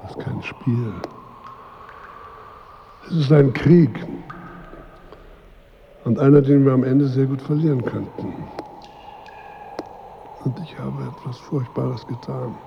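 A man's voice: mid-range voice, slow, vocal fry, pauses often, muffled recording, a little hiss or hum. An actor playing a proud, irritable, world-weary king and husband in a radio drama, speaking in a pompous, sardonic, formal way. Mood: grave. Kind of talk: literary radio drama acting.

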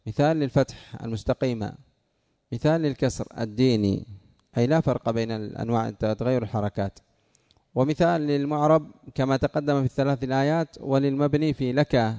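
A man with a mid-range, dark-toned voice teaches a classroom lesson on Arabic morphology. He lays out the rules step by step and quizzes his students with questions.

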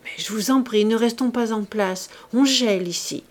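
A woman voicing a powerful middle-aged male minister who speaks slowly in a falsely modest, good-natured way. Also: fairly high pitch, close to an everyday voice. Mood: easygoing.

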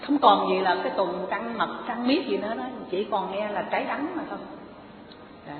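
A woman's voice: medium pitch, a little fast, over a noisy crowd. Woman telling a dharma story. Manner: animated, humorous storyteller addressing the audience. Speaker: Buddhist dharma teacher. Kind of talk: sermon with storytelling. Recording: echoey hall over a tinny phone-like line with an audience. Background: audience laughter.

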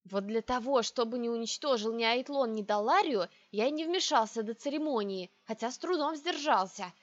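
A woman voicing a young male ruler who speaks in hushed, urgent tones. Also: fairly high pitch, moderate pace, no echo, dull audio, lightly acted. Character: young man, bold, loving, scheming ruler.

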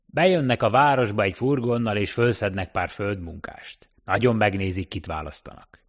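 A man voicing a gruff, talkative middle-aged male cab driver in an audiobook reading, folksy and loud. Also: fairly low pitch. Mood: gossipy.

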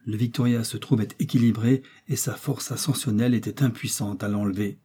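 A man narrating a classic novel as an audiobook, in a slow, expressive reading. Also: fairly low pitch, breathy edge. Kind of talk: scripted narration.

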